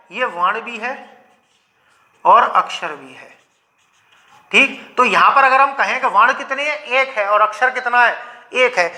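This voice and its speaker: A man teaching Hindi grammar in a lecture, asking questions and answering them himself, repeating example words slowly. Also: very high voice, sharp tone. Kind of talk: classroom lecture.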